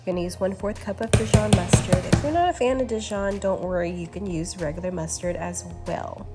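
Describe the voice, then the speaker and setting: A woman hosting a cooking channel, talking through recipe steps in a relaxed, instructive voice-over. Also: lowish voice, brisk. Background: faint background music.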